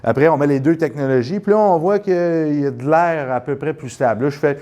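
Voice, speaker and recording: A man with a Quebec French accent, telling a rambling, animated story full of restarts and then guiding a postural check. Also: fairly high pitch, fairly quick, lo-fi sound. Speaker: postural therapist. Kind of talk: casual storytelling and live demonstration.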